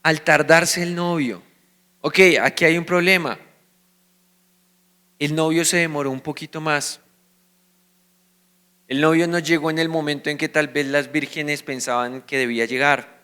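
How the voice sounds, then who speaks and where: A man's voice: fairly high pitch, fairly even intonation, a little slow, pauses often, sharp tone, clean tone. A man with a Colombian accent preaching a sermon as a pastor, explaining scripture and asking his listeners questions that he then answers himself. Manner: teaching, asks the congregation questions and answers them.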